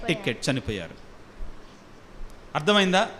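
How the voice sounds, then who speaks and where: Unhurried and with big pitch swings, a high-voiced priest with a bright, ringing tone preaches call-and-response style, constantly quizzing his flock. He weaves English phrases into his own words, and his voice dies away into long hall reverb.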